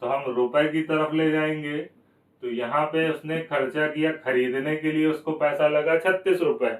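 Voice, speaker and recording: A man's voice: a little high, steady tone, moderate pace, roomy sound, recorded from a distance, poor audio. A man teaching a maths lesson for exam prep, asking questions and answering them himself, going step by step. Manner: explains step by step, repeats key numbers.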